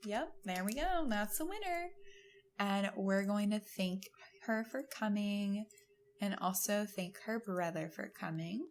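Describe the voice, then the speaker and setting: A woman's voice: mid-range voice, expressive, measured pace. A woman hosting a let's-play, giving chatty, giggly gameplay commentary and laughing often. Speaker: gaming channel host.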